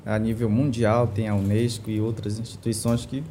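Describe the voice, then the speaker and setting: A man's voice: on the low side, flat delivery, moderate pace, mellow, a little hiss or hum. A man explaining language use on a talk show panel, patient and full of tag questions. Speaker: language teacher guest.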